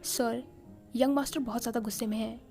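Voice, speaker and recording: A nervous, deferential male butler from a read-aloud story, voiced by a woman. He speaks politely and carefully in a fairly high voice, with faint music behind. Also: steady tone, a little fast, mellow, close to an everyday voice. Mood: nervous, respectful. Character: nervous respectful household butler, man.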